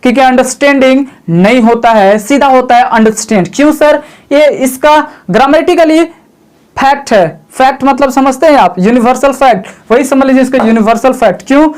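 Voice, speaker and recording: This man speaks at a normal speed in a very high voice with a darkish tone while teaching English grammar. Chatty throughout, he questions himself, answers, repeats every point, and refers to the viewer as "sir."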